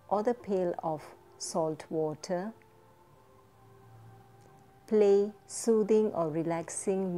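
A woman teaching a guided foot-soak meditation, giving gentle step-by-step instructions. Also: lowish voice.

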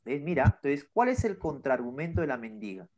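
A man's voice: medium pitch, sing-song, fairly quick, darkish tone. A male teacher giving an online class through his laptop, explaining patiently and often checking in with the students. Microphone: laptop microphone.

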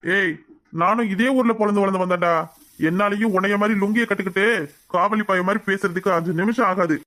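A man's voice: sits high, fairly even intonation, fairly quick, bright, forceful tone. A man voicing a smug, fair-skinned young rival in a cartoon, taunting and sneering, with a Kanyakumari Tamil accent. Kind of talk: cartoon voice acting.

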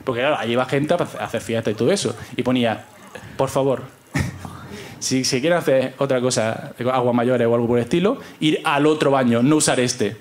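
A man's voice: mid-range voice, normal speed, a little hiss or hum. A man telling a funny anecdote to a live audience, laughing as he goes, on a handheld mic. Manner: animated storyteller, laughs mid-tale. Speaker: guest telling a story. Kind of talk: comic anecdote.

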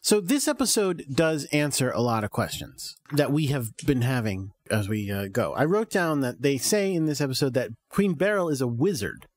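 A man co-hosting a podcast, chatting casually with wry, animated complaints. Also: mid-range voice, normal speed, hardly any pauses, dry recording. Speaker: podcast co-host. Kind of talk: casual chat.

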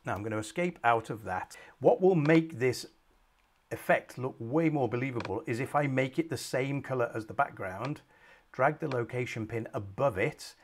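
Here a middle-aged man talks through a screen-recorded software walkthrough from a little home office, his pitch medium and his pace moderate. He's calm and methodical, with plenty of ums along the way.

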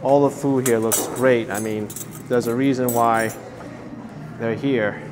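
At a roadside eatery in a hot desert town, a man vlogs his meal, sampling dish after dish and savoring every mouthful with eager remarks. His medium-pitched voice stays steady and unhurried in this casual food narration, against a noisy background.

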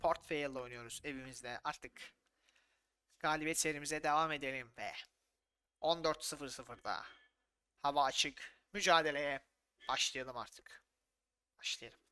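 A man commentating his own football video game session in a casual, excitable way, swearing freely, arguing with his players and calling the action like a match announcer. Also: a little high, measured pace, long pauses, clean tone. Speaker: gaming YouTuber.

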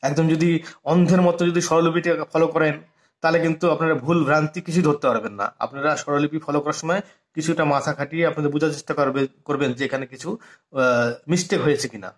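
A man's voice: on the high side, fairly even intonation, a little fast. A man teaching a harmonium lesson on reading notation, explaining step by step and stopping to sing short phrases and count out beats. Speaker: music teacher.

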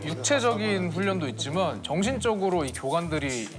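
Lively, higher-voiced man recounting military days. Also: a little fast, over music. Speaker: guest, former navy special forces member. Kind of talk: casual talk, recounting experiences.

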